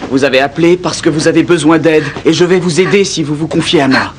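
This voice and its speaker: An earnest young priest played by a man, soothing and insistent. His voice sits fairly high for a man, with clear noise on the TV drama soundtrack. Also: fast talker, close to an everyday voice. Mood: reassuring, insistent. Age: 30s. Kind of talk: dubbed television crime drama acting.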